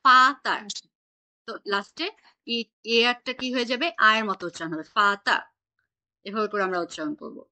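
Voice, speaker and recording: A woman's voice: medium pitch, brisk, pushed and bright. A woman teaching an online German class, patiently quizzing her students on pronunciation over a video call.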